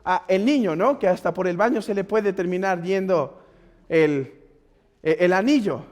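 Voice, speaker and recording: Earnest Mexican preacher, high voice, reverb. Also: male voice, moderate pace. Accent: Mexican Spanish. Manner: earnest, exhorting, swings from loud urging to quiet pleading. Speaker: pastor. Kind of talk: sermon. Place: church hall. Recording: long church reverb.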